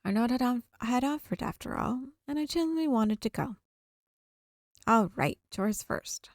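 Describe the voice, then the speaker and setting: Reading a visual novel's narration on stream, a woman uses a fairly high voice with lively intonation at a moderate pace. The recording is dry and studio quality, though game music runs beneath her. She's expressive and sometimes fixes her words partway through a sentence.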